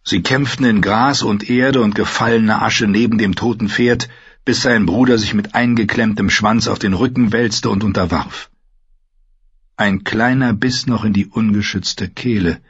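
A man narrating a fantasy audiobook with a husky voice, reading in a measured, grave manner. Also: lowish voice, fairly bright tone, dry recording. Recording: dull lo-fi dry recording.

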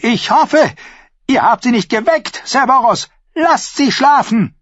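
A man's voice: medium pitch, expressive, moderate pace, breathy edge, no echo, voice pushed up. A man reading an audiobook voices a proud, furious queen who gives imperious, cutting commands. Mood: coldly menacing. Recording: dull lo-fi recording.

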